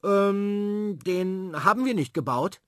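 A man's voice: high-pitched, slow pace, no room sound, studio quality, voice pushed up. Sophie, an eager bossy little girl, as a man puts her on. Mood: defiant. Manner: excited and insistent.

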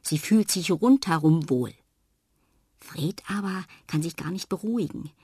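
A woman narrating a children's story in a calm, expressive reading voice. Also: fairly low pitch, measured pace, breathy edge, no echo, clean studio sound.

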